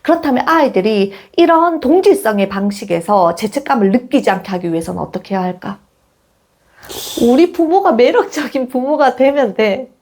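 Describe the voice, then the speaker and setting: Middle-aged woman, parenting educator, casual lecture, animated and a bit high. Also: moderate pace. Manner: asks rhetorical questions and acts out children's lines.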